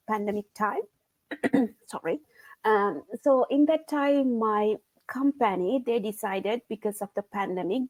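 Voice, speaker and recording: A woman's voice: a little high, dry recording, poor audio. Guest, woman in her 30s from Sri Lanka. Earnest, dry, plain delivery over a video call. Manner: earnest, non-native phrasing, soft laughs. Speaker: guest, engineer. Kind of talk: casual interview chat. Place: home.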